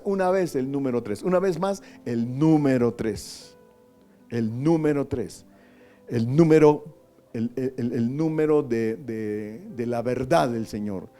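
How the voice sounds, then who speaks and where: A man with a Mexican accent, a pastor preaching a sermon in a chatty way, repeating words and asking questions, then swelling into loud, drawn-out prayer. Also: mid-range voice. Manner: conversational, repeats words, asks the congregation.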